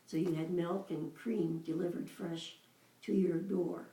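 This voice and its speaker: Older lady slowly telling old family memories, lowish mellow voice, roomy echo. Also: fairly even intonation, far from the mic. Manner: unhurried storytelling with pauses. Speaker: mother recalling childhood. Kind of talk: casual reminiscing.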